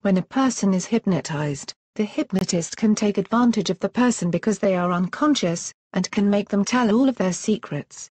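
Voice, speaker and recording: A woman's voice: mid-range voice, moderate pace, few pauses, a little mellow, no room sound, lightly acted. A synthetic female voice playing a wary, curious woman who asks earnest questions. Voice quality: synthetic, stilted.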